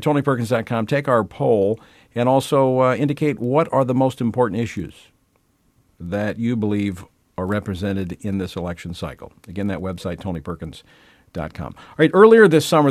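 A man from Louisiana hosting a talk radio show, chatting with many fillers and swinging between loud and soft delivery. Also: on the low side, dry recording, clean studio sound.

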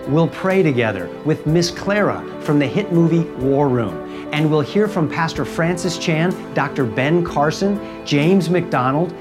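A man's voice: fairly high pitch, animated, measured pace, over music. Persuasive man in a radio ad. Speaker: event promoter in a radio ad. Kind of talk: radio ad read.

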